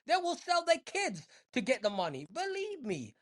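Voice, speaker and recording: A woman's voice: high voice, huge pitch swings, moderate pace. A woman in casual podcast chat, emphatic and profane, repeating her points to drive them home.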